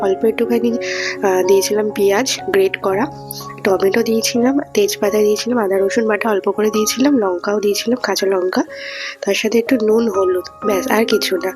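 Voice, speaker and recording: A young woman chatting to viewers in a casual daily vlog, her voice hoarse from a sore throat. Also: medium pitch, a little mellow. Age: young adult. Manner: chatty and fast, addressing viewers directly. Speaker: vlogger.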